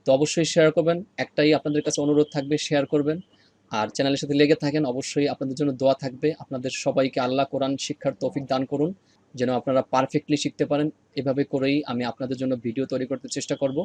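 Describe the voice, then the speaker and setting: A man teaching an online Quran reading lesson, patiently repeating each sound slowly for practice. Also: mid-range voice, level tone, a little mellow, dry recording.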